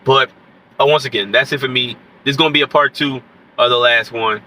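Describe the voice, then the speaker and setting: A mid-range, steady, pushed and bright voice, nasal and congested, comes a little fast in a rough recording. Its owner is an independent rapper, sick with a stuffy nose and scratchy throat, casually rambling on camera about hip-hop and repeatedly saying "you know what I'm saying."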